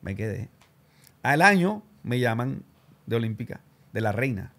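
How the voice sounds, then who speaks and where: A man who works as a show host and radio announcer leads an interview and casually recounts his own life, packing it with slang. At a medium pitch and moderate pace, he stays lively and does voices for anyone he quotes.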